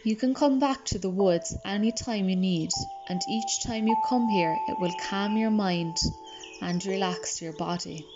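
Woman, meditation guide, very slow, soft soothing delivery, clear music behind. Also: medium pitch. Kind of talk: guided relaxation script. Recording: slightly dull recording. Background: calm music and birdsong.

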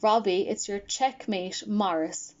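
A woman's voice: mid-range voice, slow, darkish tone, highs cut off, lightly acted. A woman reading a smug, nerdy schoolboy chess champion who likes puns. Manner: smug, punning.

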